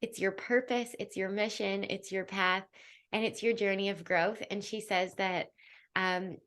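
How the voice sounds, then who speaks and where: Chatty woman giving a spiritual reading. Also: mid-range voice. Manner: chatty, with many fillers and soft laughs; drops to a soft, hushed voice while reading. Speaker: spiritual guidance reader and podcast host. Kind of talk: casual podcast chat and intuitive reading.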